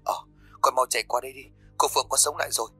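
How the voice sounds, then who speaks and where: A man voicing an older mother who scolds her son bluntly on the phone, softer and higher than his narration. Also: fairly even intonation, rapid-fire, husky, no room sound, soft background music, full character voice, rough recording. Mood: scolding.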